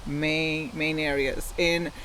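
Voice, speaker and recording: A Costa Rican woman with a Spanish accent speaks as an interview guest in a low, flat, slow voice with a slightly bright quality. She candidly and conversationally tells of her own experience, with slight background noise.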